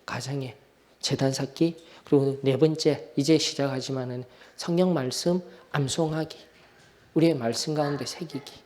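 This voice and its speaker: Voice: medium pitch, darkish tone, slight background noise. A church Bible study teacher leading a Sunday class, earnest and exhorting, putting questions to the listeners.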